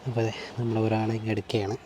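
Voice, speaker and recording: A man vlogging outdoors on a hot rooftop terrace, friendly and asking quick questions. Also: on the low side, little pitch movement, background noise. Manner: friendly, asks quick questions, calls him bro. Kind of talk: casual vlog and chat with a fish seller.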